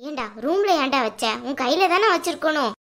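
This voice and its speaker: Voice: high-pitched, expressive, brisk, fairly bright tone. A performer voicing a middle-aged cartoon mother who bosses everyone around at her son's engagement. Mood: worried. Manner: scolding, bossy. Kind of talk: cartoon voice acting.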